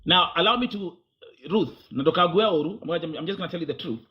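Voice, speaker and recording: Man, interviewer, rapid delivery, somewhat high voice, pushy, probing, dull lo-fi audio. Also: expressive. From Kenya. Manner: pushy, probing, repeats himself. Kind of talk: confrontational interview. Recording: dull lo-fi sound.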